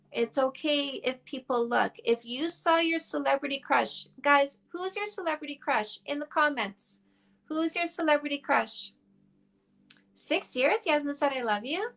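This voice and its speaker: A woman from Canada coaching viewers on dating during a phone livestream, talking bluntly and frankly and swearing casually. Her voice sits high. She reads out questions and answers them straight away. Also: gravelly, bright, forceful tone.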